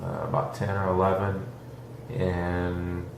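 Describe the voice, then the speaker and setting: A man's voice: sits low, completely flat delivery, takes it slowly, creaky. A man chatting casually with his wife at home on camera, laid-back and joking, trailing off his sentences. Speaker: husband in couple vlog. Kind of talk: casual chat. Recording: echoey room with faint noise.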